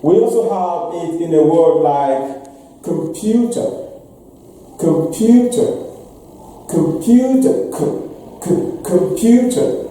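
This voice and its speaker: Slow, deliberate man teaching in an echoey room. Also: high voice, warm tone, far from the mic, slight background noise. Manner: slow, drawn-out, repeats each word several times. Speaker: English pronunciation teacher. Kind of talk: classroom lesson at a board. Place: classroom.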